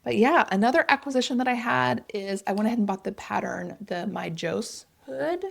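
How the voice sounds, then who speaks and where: Creaky-voiced woman with an Oklahoma accent. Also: fairly high pitch, moderate pace. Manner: chatty, enthusiastic. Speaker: knitting podcast host. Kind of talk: casual vlog chat.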